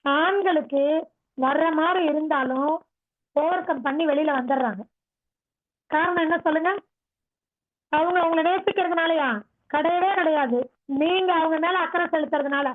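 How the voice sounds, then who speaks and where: A woman with a very high voice gives a motivational yoga talk. She exhorts her listeners and keeps firing rhetorical questions at them. The sound is tinny and narrow, as if heard over a phone line. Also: moderate pace, pauses often. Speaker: yoga teacher.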